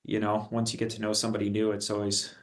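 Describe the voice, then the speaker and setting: A man from northern Canada, a company co-founder, telling his story in a relaxed, rambling way. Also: fairly low pitch, fast. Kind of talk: casual interview talk.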